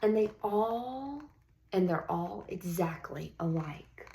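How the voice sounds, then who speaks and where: Here a teacher reads aloud to young children in a slow, creaky, medium-pitched voice, with slight background noise behind her. She lingers on key words in an expressive storybook style and mixes in encouraging questions and praise for the class.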